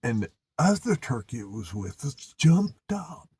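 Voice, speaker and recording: A man with an Appalachian accent telling hunting stories casually, in a folksy, drawn-out country way. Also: medium pitch, very animated, mellow, slightly rough, dry recording. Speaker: turkey hunter presenting his own video. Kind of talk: casual storytelling.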